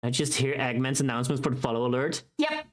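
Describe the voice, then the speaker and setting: A livestream host talks fast in a mid-pitched voice with very animated, swinging intonation. The talk is casual and profane, as if thinking aloud while working on screen.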